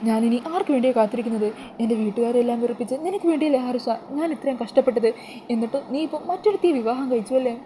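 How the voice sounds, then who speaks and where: A woman's voice: a little high, very fast, dark tone, a little hiss or hum, natural voice. A woman voicing a heartbroken young woman who pleads through tears. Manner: sobbing, pleading questions.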